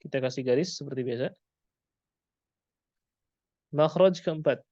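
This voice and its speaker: A man's voice: mid-range voice, a little slow, mellow, no room sound, muffled recording. A man with an Indonesian accent teaching Quran pronunciation, patiently repeating sounds and quizzing his class.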